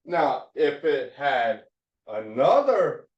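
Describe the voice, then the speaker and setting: A man teaching a Hebrew phonics class, explaining slowly and repeating his points as he writes on a board. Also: medium pitch, very animated. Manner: slow, repeats points, restarts mid-sentence. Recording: echoey room, dull lo-fi sound.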